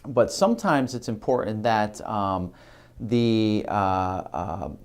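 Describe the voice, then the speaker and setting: A middle-aged man with a fairly low voice teaches a marketing lesson for a video. He talks in halting stretches, filling gaps with ums and uhs and restarting his phrases as he explains. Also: a little mellow. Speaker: marketing instructor. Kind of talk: instructional video lecture.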